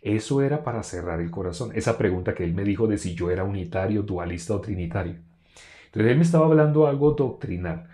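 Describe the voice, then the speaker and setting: A man preaching, telling a personal testimony in an animated storytelling way and loudly acting out what others said. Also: fairly low pitch, fast talker. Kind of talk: testimony sermon.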